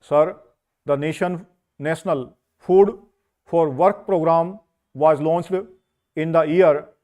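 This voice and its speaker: A man gives a very slow school dictation, his voice pitched a little high. He breaks the script into short, measured phrases and leaves pauses between them for writing. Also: steady tone, darkish tone. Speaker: dictation reader for a stenography skill test.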